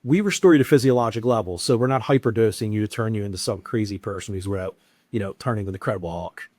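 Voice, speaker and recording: A man's voice: on the low side, quick pace, darkish tone, dry recording. A man with a Southern American accent, a guest answering interview questions in a talkative way with frequent restarts. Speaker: guest, wellness expert.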